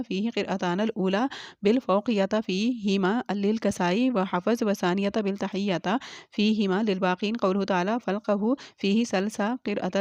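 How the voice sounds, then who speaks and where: A woman's voice: mid-range voice, no room sound. Woman steadily a commentary. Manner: steady, methodical recitation of variant readings. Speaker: reader of a Quran commentary. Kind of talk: reading aloud a scholarly text on Quran readings. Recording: dry, slightly dull home recording.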